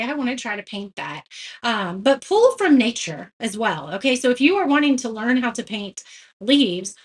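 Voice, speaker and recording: A high-voiced woman hosts a casual live craft tutorial. She talks in a friendly, rambling way and laughs at her own slips. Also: fairly bright tone. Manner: chatty, greets viewers by name, self-deprecating.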